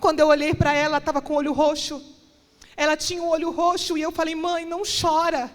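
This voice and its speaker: A woman's voice: sits high, little pitch movement, fast talker. A woman minister preaching a sermon and giving an impassioned personal testimony, building to emphatic declarations. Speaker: guest minister. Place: church hall. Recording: long church reverb.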